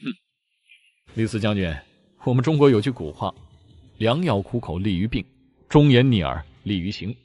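A man voicing a cold, scornful Chinese army commander who lectures in a stern, even tone. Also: lowish voice, moderate pace, long pauses.

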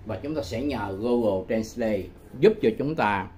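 A man giving a casual spoken language lesson, repeating phrases slowly and patiently and chuckling often. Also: on the low side, lively intonation, darkish tone, a little hiss or hum. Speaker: English teacher.

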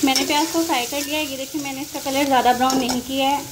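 Woman walking thru a recipe step by step, high voice, echoey kitchen with noise. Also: racing. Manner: calm, methodical, walks through each step. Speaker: cooking channel host.

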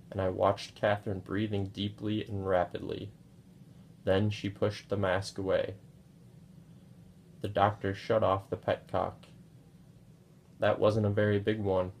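A man reading a novel aloud in a steady, understated way. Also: fairly low pitch, measured pace, gravelly, a little hiss or hum. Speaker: audiobook reader.

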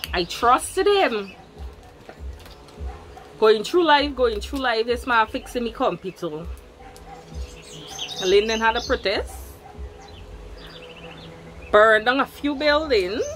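Lively Guyanese woman telling a story. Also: fairly high pitch, slow, long pauses, soft background music, poor audio. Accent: Guyanese Creole English. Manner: animated storytelling with many repeated words. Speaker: vlogger. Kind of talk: casual storytelling chat.

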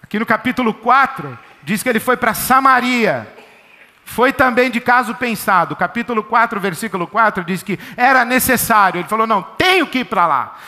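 Lively preacher in echoey church. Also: male voice, extremely high pitch, moderate pace. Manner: lively, conversational, jokey storytelling. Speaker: pastor. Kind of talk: sermon.

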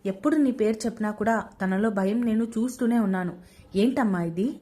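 A woman's voice: mid-range voice, fairly quick, dark tone, natural voice. A woman voicing a young husband who pleads and reasons between his wife and his mother. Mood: pleading.

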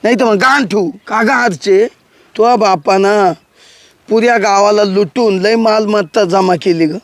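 A coaxing young village lover. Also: male voice, high voice, measured pace, dry recording. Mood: scheming. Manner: coaxing, pleading, excitable. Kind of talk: village comedy sketch acting.

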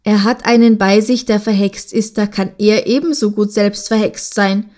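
A woman's voice: medium pitch, fairly even intonation, normal speed, darkish tone, natural voice. A woman voicing a jealous, scheming wild goose sister who speaks in a sly, insinuating way.

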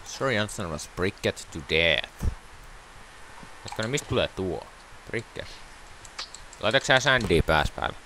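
A man's voice: lowish voice, lively intonation, pauses often, noisy background. A man hosting a game let's play, chatting casually with jokes and sarcastic banter. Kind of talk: casual gaming chat.

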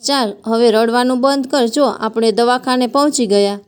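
A woman's voice: fairly high pitch, steady tone, normal speed, clear, resonant tone, lightly acted. A woman voicing a caring older brother who comforts his little sister in a tender, teasing way. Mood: soothing.

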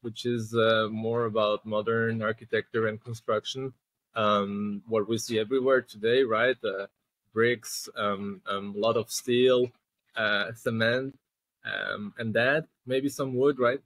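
A man's voice: lowish voice, fairly even intonation, unhurried, a bit bright, no echo, low-quality recording. A man in his thirties hosting a podcast over a video call, speaking hesitantly with many fillers and rephrasings, indoors at a laptop mic. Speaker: podcast host. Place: indoor room with tapestry.

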